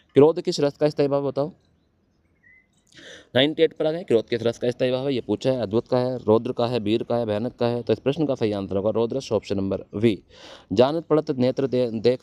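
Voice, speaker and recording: A man's voice: medium pitch, dark tone, smooth, dry recording. A man teaching Hindi for exam prep, quizzing his students and answering his own questions.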